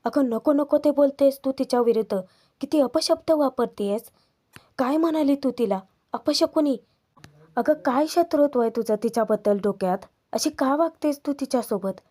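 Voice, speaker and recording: A woman's voice: high-pitched, normal speed, warm tone, natural voice. A woman voicing a young man pleading with his mother. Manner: pleading, then raising his voice. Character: young husband defending his wife to his mother.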